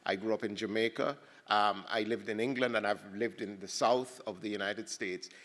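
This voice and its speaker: A man's voice: fairly low pitch, fairly even intonation, fairly bright tone. A man from Ghana speaking on a panel at a poetry festival, thinking aloud with frequent restarts and repeated words. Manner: halting, many restarts, thoughtful. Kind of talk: reflective panel talk. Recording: long hall reverb.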